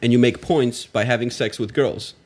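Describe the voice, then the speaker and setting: A man's voice: medium pitch, steady tone, moderate pace. A young man hosting a casual chat, loose and joking, swearing freely.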